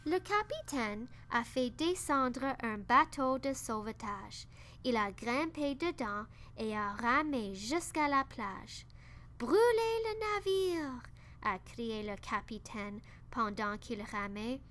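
A woman reading a children's story aloud, slow and careful. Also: on the high side, lively intonation, bright, forceful tone. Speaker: narrator.

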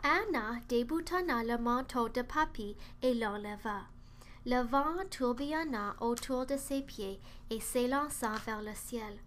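A woman reading a children's storybook aloud, slowly, clearly and carefully. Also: on the high side, a bit bright, a little hiss or hum. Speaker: narrator.

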